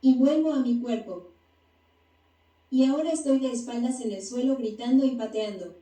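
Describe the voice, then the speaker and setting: Woman reading out a testimony voice-over, really mellow dark tone, sounds far off in an echoey room. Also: fairly high pitch, normal speed. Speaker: narrator of a near-death testimony. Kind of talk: dubbed first-person testimony voice-over.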